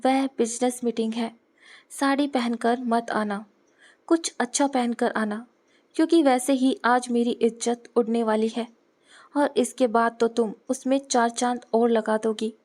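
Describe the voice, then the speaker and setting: A woman's voice: fairly high pitch, fairly even intonation, a little slow, darkish tone, close to an everyday voice. A woman voicing an arrogant, cold young rich man who talks in a cool, sarcastic, dismissive way. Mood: scornful.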